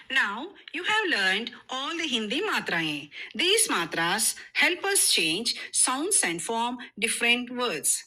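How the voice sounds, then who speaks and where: Woman teaching beginners, lively up-and-down pitch, takes it slow, one word at a time. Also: rough recording. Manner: slow, clear, repeats examples one by one. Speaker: language teacher. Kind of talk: scripted beginner lesson.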